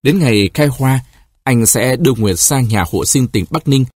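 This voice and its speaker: A fickle young man , voiced by a male narrator, soothes his lover with promises. His voice is husky and close, level and placating. The recording is dry. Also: mid-range voice, moderate pace, a little mellow, dry recording, close to an everyday voice. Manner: placating, reassuring.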